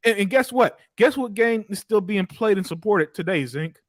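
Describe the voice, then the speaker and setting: A man with a high voice talks games with excited emphasis, his pitch leaping all over as he mocks rivals. The sound is close and dry, with no room around it. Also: moderate pace, no echo. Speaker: podcast co-host. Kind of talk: casual profane gaming talk.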